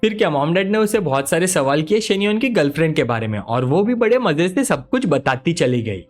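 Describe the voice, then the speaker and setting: A male narrator telling a comic story recap in a high, very lively voice. His delivery is smooth and animated, with faint music underneath. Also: a little fast.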